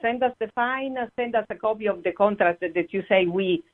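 A woman's voice: mid-range voice, fairly quick. A woman on a phone call, firm and insistent, repeating her demands. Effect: clipped phone line. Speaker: prank call target. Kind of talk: phone argument. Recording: tinny phone line.

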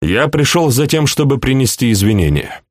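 A man's voice: medium pitch, very animated, moderate pace, dry recording, clean studio sound, voice pushed up. A man voicing a humbled young count in an audiobook, speaking formally and apologetically. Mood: apologetic.

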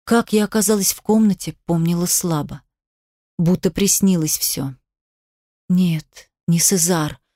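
A woman's voice: lowish voice, measured pace, mellow, dry recording. A woman narrating a first-person audiobook in an emotional, defiant tone, recorded on a close studio mic.

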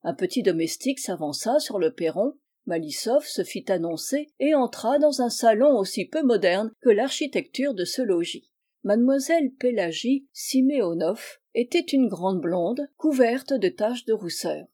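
A woman reading a classic novel aloud as an audiobook narrator, measured and expressive. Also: a little high. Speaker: audiobook reader.

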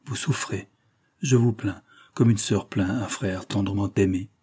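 A man's voice: on the low side, a little slow, dark tone, husky. A man reading the part of a proud young woman, an heiress, torn and pained but speaking firmly and tenderly. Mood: gentle, firm.

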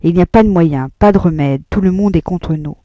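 A woman's voice: lowish voice, fairly quick, no room sound, lo-fi sound, lightly acted. A woman voicing an earnest young working man who pleads and rails in despair, in an audiobook. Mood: agitated. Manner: pleading, agitated outbursts. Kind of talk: audiobook dialogue.

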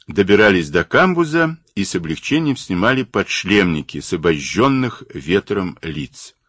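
A man narrating an audiobook in a measured storytelling manner. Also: fairly low pitch, a bit bright, no echo, clean studio sound.

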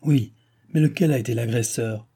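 A man's voice: mid-range voice, normal speed, gravelly, dark tone, breathy edge. A man voicing an aging, evasive king in an audiobook, exclaiming in exasperation. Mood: exasperated. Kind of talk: audiobook reading.

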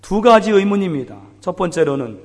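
A man delivers a sermon as pastor, his voice sitting fairly high for a man. He preaches with passion and climbs into anguished pleas toward God, and the sound rings with the long reverb of a church hall. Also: expressive, brisk. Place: church sanctuary.

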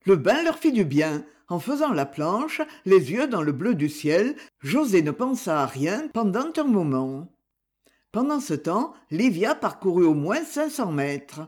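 Expressive woman narrating a novel. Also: on the low side, unhurried, breathy edge. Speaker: audiobook narrator. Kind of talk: scripted narration.

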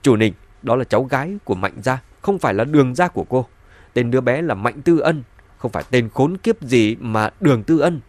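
A man's voice: medium pitch, lively intonation, fairly quick, no room sound, natural voice. A man voicing a proud, hot-tempered old patriarch who gives orders and speaks with indignation, in a dry-sounding audiobook. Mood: indignant. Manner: commanding, indignant.

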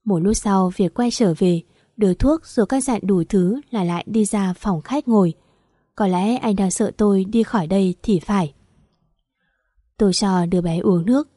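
A woman reading a first-person story aloud in an even, steady narration. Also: medium pitch, normal speed, no room sound, studio quality.

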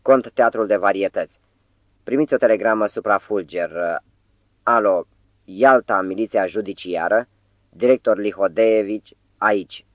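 A man's voice: on the low side, no echo, highs cut off, close to an everyday voice. A man voicing a flustered male theatre administrator in an audiobook, dictating and muttering.

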